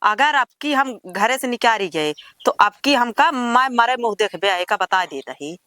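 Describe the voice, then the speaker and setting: A woman's voice: fairly high pitch, animated, a little slow, pushed and bright, no echo, studio quality. Woman playing a plaintive, distraught village girl. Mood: pleading, threatening. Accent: Awadhi. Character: distraught young village woman thrown out of home. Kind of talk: amateur village comedy skit dialogue.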